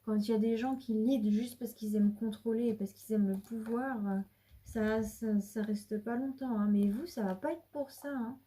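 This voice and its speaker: A woman's voice: on the high side, steady tone, moderate pace, warm tone, slightly rough. A woman giving a casual, chatty card reading to her viewers, rambling with many restarts and sometimes dropping to a whisper. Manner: drops to a whisper at times. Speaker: card reader. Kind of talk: casual tarot reading to camera.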